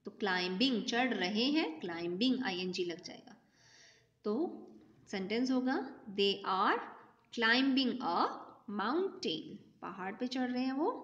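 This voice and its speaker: A woman's voice: fairly high pitch, highs cut off. A woman teacher, giving a class lesson patiently, asking questions and answering them herself.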